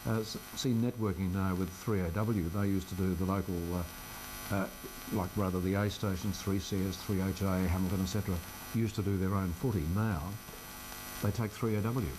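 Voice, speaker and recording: Here a low, steady-toned male voice at a moderate pace belongs to an older Australian who presents local radio. He's in the studio for a casual interview, joking at his own expense in a wry way, while the background stays noisy.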